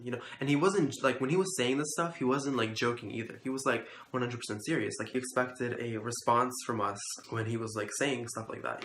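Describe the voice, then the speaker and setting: A young adult man rambles through a story directly to the camera in a casual vlog, saying "like" in almost every phrase, swearing freely, and sounding incredulous. His voice is middle-pitched with a fairly bright tone. The room echoes, and a faint hum lingers beneath him.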